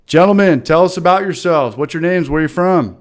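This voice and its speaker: A man's voice: a little high, brisk. A man hosting a casual live stream, upbeat and greeting viewers by name. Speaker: livestream host.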